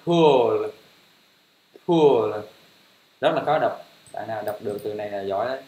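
A man's voice: fairly low pitch, racing, a little mellow. A man teaching English pronunciation, repeating each word several times in a patient, encouraging way. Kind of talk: language lesson, drilling words. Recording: roomy echo.

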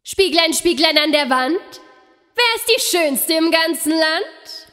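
A woman voicing a vain, scheming evil queen in a fairy tale, with drawn-out theatrical delivery. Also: very high voice, lively intonation, bright, forceful tone, dry recording, clean studio sound, voice pushed up, exaggerated voice. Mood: vain, expectant.

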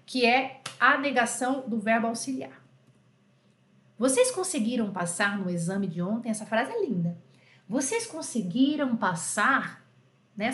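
A woman's voice: high-pitched, a bit bright, echoey room. A woman from Brazil teaching French in a live online class, chatty and affectionate, often checking in with her students. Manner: chatty, affectionate diminutives, frequent "tá?" check-ins.

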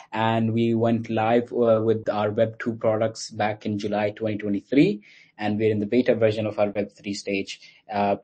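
A man's voice: lowish voice, a little mellow. A man from Pakistan, a guest in an online interview, explaining things patiently with many fillers. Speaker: guest explaining his company. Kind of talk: interview answers.

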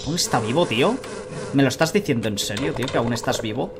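A man's voice: mid-range voice, lively intonation, quick pace. A man in his thirties with an accent from Spain, giving casual, colloquial commentary while gaming, muttering to himself and viewers. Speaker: let's play host. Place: indoor room at a computer, webcam view. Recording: noisy game sound behind voice.

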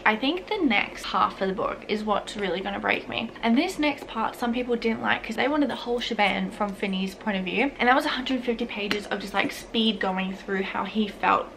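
A woman's voice: mid-range voice, normal speed, gravelly, hardly any pauses, noisy background. A young woman, chatting casually and gushing in a reading vlog, full of "like" fillers. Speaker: book vlogger.

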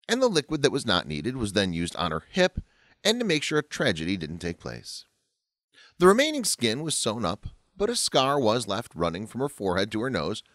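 A man narrates a scripted story with a lowish voice that rises and falls a lot. The recording is close and dry, with no room sound. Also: a bit bright, no room sound.

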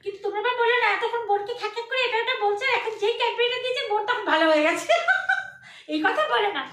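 A woman vlogger talks to her viewers in a very high, quick voice, animated and teasing. Her tone is bright and sharp. The sound carries the echo of a roomy space. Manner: animated, scolding and teasing by turns. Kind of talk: casual vlog chat addressed to viewers.

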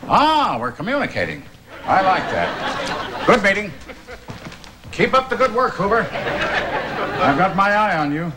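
A man's voice: high-pitched, wildly swooping pitch, unhurried, pauses often, a loud crowd, very noisy, full character voice. An actor playing a smug, scheming company boss who talks down to his employee in a sitcom. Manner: glib, patronizing. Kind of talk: sitcom acting.

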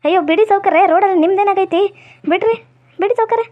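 A young woman with a North Karnataka Kannada accent playing a spirited unmarried village woman who talks back quickly. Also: extremely high pitch. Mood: protesting. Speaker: actor in a village skit. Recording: dull lo-fi audio.

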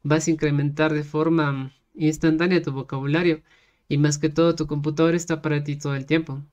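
An English teacher giving a casual lesson in Spanish, explaining a method step by step and slowly sounding out English words. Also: mid-range voice, flat delivery, a little mellow, highs cut off.

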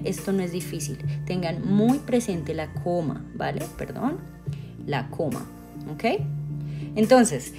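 A Colombian woman, an English teacher, explaining grammar in a video lesson with a Colombian Spanish accent. She is patient, corrects herself often and keeps checking in with her students. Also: on the high side.

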